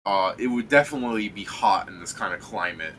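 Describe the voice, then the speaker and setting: A man's voice: fairly low pitch, animated, a little fast, a bit bright. A man working as game master, casually narrating with irreverent, sweary and hesitant descriptions. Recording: faint background noise.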